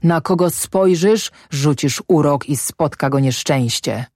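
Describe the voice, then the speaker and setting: A woman's voice: low voice, measured pace, a little mellow, no room sound, clean studio sound. A narrator voicing a desperate peasant wife in a storybook reading, cursing her husband in a feverish rage. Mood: furious. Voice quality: cursing, pleading, feverish intensity.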